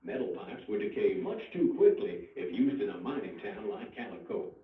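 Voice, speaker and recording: A man's voice: lowish voice, sing-song, normal speed. Man's tour narration with cave echo. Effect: cave echo from a loudspeaker playing in a mine tunnel. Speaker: recorded tour guide narrator. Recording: tinny, echoey, distant playback in a mine.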